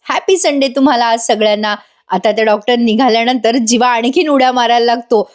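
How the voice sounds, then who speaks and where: A woman's voice: a little high, steady tone, fairly quick. A woman giving a chatty voice-over recap of a TV serial, talking straight to her viewers and acting out the characters' lines. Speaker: TV serial reviewer. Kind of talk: voice-over episode recap with acted dialogue.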